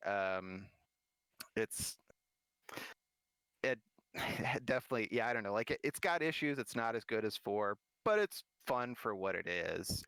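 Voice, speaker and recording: A man on a casual podcast, relaxed and hedging, laughing as he talks. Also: on the low side, smooth, no room sound. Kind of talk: casual chat.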